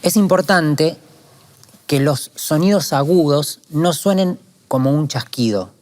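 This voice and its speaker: A calm, methodical man from Argentina, explaining guitar strumming technique in a lesson. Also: a little high, unhurried. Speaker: guitar teacher. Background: guitar playing.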